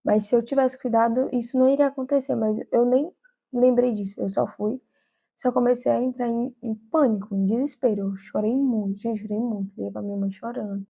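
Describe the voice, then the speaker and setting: A woman's voice: a little high, creaky, dark tone, husky. A young woman from Brazil giving an earnest, chatty personal testimony to her followers, full of small fillers. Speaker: vlogger.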